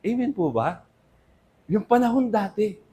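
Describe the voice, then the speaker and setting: An older man, a Filipino pastor, preaching earnestly in Tagalog-accented English and Tagalog, swinging from loud emphasis to soft asides. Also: high voice, expressive, unhurried, a little hiss or hum. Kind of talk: sermon.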